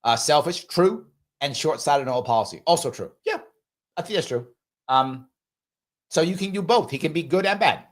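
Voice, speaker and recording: A man hosts a live talk show, reading viewer comments aloud and arguing his points emphatically and conversationally. His voice is a little high and expressive at a moderate pace, and he repeats himself, often tagging "right?" onto his sentences.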